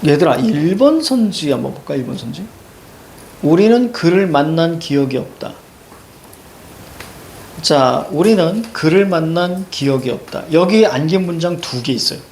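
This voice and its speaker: A middle-aged man teaching grammar, working briskly through exam questions and checking in with his students. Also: on the high side, animated, darkish tone, slight background noise. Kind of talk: classroom lecture, solving exam questions.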